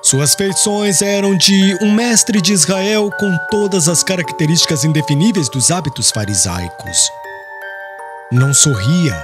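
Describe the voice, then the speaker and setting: This religious audiobook is narrated by a man whose high-pitched voice has a lively intonation and a measured pace. He tells the scripted literary text solemnly and formally while glockenspiel-like music plays behind him.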